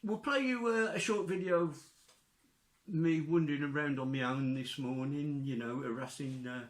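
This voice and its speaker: A man's voice: on the high side, normal speed, reverberant. A man vlogging in a casual, chatty way, with dry, joking humour. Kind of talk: casual chat and outdoor walk-along commentary.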